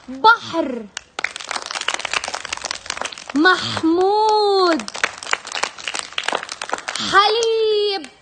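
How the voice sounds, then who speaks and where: Very high-pitched energetic woman teacher. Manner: energetic, calls out loudly to children. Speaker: kindergarten teacher. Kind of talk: classroom call-and-response lesson. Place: classroom full of children. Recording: loud noisy classroom with chattering kids.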